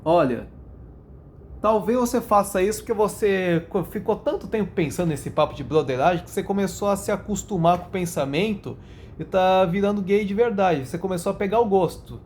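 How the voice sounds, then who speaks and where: A vlogger ranting to camera in a casual, blunt, slangy way, laughing at their own stories and jumping up in pitch for emphasis. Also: brisk, darkish tone, slight background noise. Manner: profane, blunt, slangy storytelling; mimics other people's voices when quoting.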